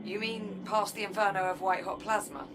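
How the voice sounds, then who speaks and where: A woman's voice: mid-range voice, fairly even intonation, fairly quick, fairly bright tone, close to an everyday voice. Woman as capable sci-fi engineer over music. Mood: wry, helpful. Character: capable, wry woman engineer guiding a partner remotely. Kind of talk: sci-fi game voice acting.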